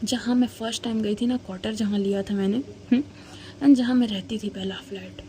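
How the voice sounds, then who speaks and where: A woman's voice: mid-range voice, steady tone, brisk, mellow, a little hiss or hum, natural voice. A woman voicing a playful young woman who teases and mocks her scared cousin. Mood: teasing. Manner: playful, mocking. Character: teasing young woman who loves pranks.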